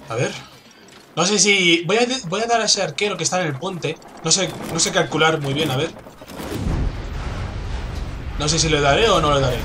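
A man with a Spanish accent from Spain, commentating a game he is playing, excitable and swearing, with sudden loud outbursts. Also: on the high side, a little hiss or hum. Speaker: gameplay commentator. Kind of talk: let's play commentary. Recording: game music in background.

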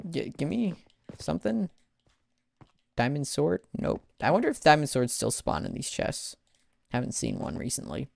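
A man casually commentating a live gaming stream, excitable, exclaiming and laughing as he plays. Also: on the high side, moderate pace, gravelly, pauses often, no echo. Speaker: gaming livestreamer.

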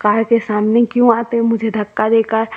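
A woman's voice: a little high, completely flat delivery, moderate pace, lightly acted. A woman voicing an emotional young man confessing love to his lifelong friend, insistent and heartfelt. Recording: tinny phone-like audio.

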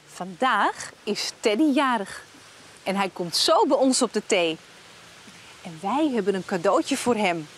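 A woman in her thirties telling a simple story to young children outdoors, with expressive, exaggerated and repetitive delivery. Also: medium pitch, a little slow, a little hiss or hum. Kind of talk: improvised storytelling for young children with sing-song chanting. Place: outdoor garden set.

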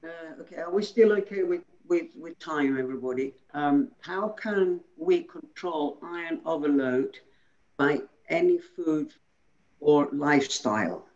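A man's voice: fairly high pitch, a little slow, darkish tone. Man reading questions on a dull call. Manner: reads questions, brief acknowledgements. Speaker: webinar moderator. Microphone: video call.

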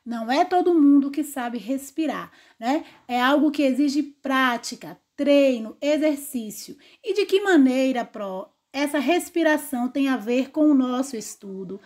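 A Brazilian woman teaching a recorded online lesson, her voice sitting high. She explains each point patiently and keeps checking in with her students through little tag questions. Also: animated, unhurried, few pauses, darkish tone. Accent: Brazilian Portuguese. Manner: didactic, frequent tag questions. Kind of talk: online class lecture.

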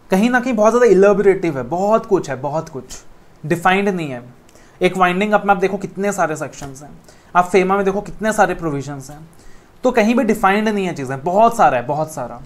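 In an indoor studio room with a whiteboard screen, an Indian-accented man in his thirties gives a recorded classroom lecture on exam law. He coaxes and motivates his students, mixing in English phrases, and his voice sits high.

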